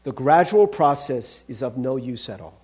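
Storybook angel played by a man: solemn, unbending and insistent, with a rough-edged husky voice. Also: mid-range voice, sing-song, a little mellow, pitched below the performer's own voice. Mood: stern, calm. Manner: slow, grave, unyielding. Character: stern, insistent angel with burning hands. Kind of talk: dramatic reading of a story.

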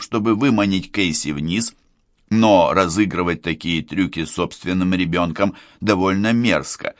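Deep-voiced male audiobook narrator. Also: no echo. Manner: expressive, lively reading. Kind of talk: scripted novel narration. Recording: dry close recording.

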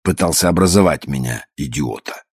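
Sullen young man, gruff, bitter, deep, dry close sound, a man reading, audiobook. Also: animated, fairly quick, no echo, exaggerated voice. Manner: gruff, sullen, self-mocking. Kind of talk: audiobook character voice.

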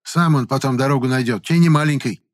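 A man's voice: mid-range voice, fast, voice pushed up, natural voice. A man voicing a shrewd old village fortune-teller woman who probes, commands and grieves in turn. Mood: probing. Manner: sharp, probing, commanding, then grieving.

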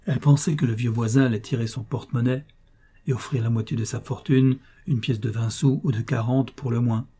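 A man narrates a novel in a measured, expressive storytelling manner. His voice is very dark and husky, at an ordinary middle pitch. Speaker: audiobook narrator. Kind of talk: scripted narration.

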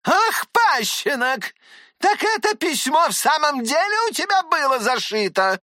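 Brief: reader voicing fiery scolding older woman, high and piercing, storybook drama. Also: sing-song, measured pace, sharp tone, no echo, studio quality, full character voice. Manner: shrill, scolding, exclaiming. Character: hot-tempered scolding middle-aged woman.

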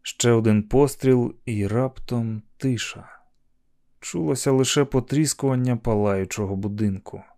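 A man reading a novel aloud as an audiobook narrator, in a steady, measured manner. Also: mid-range voice. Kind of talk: scripted narration.

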